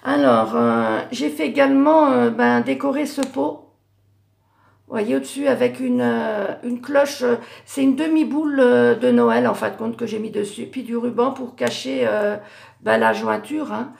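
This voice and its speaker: Hesitant gravelly-voiced woman. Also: a little high, fairly even intonation, unhurried, a little mellow. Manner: hesitant, many fillers and self-corrections. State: voice going hoarse. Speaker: craft YouTuber. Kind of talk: casual show-and-tell of handmade cards.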